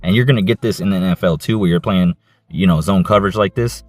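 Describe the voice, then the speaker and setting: A man coaching and breaking down football game film, excited, casual, and repeating his catchphrases. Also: low-pitched, fast, no echo, soft background music.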